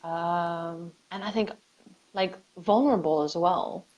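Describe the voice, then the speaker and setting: Woman chatting on a live stream, lowish voice, keeps restarting sentences. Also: slow, darkish tone, lo-fi sound. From Netherlands. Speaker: host. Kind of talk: casual live-stream conversation.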